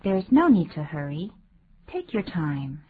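A woman co-hosting a bilingual radio English lesson, saying phrases slowly and explaining pronunciation. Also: deep voice, sing-song, slight background noise. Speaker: English teacher co-host. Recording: phone-like lo-fi sound.

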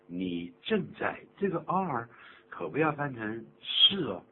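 A man hosting a radio English lesson, explaining patiently and joking as he exaggerates pronunciation. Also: lowish voice. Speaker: English teacher and program host. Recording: tinny phone-like radio recording with faint hum.

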